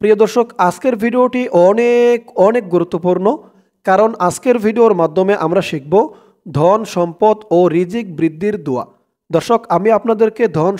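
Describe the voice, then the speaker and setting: A man's voice: high-pitched, a little mellow. A man teaching a prayer, spelling it out syllable by syllable and chanting the words drawn out, with a Bangladeshi accent. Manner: drawn-out chanting of Arabic words between quick Bengali explanations. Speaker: Quran and dua teacher.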